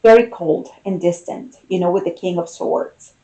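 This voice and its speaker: A woman giving an unscripted, intimate tarot reading, pausing and thinking aloud as she talks to the listener. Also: lowish voice, warm tone, rough recording. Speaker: tarot reader.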